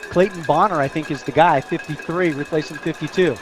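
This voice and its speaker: Over heavy crowd noise at an outdoor high school football stadium, an American color commentator chats through a live radio broadcast of the game. His voice is on the high side and he talks fairly quickly.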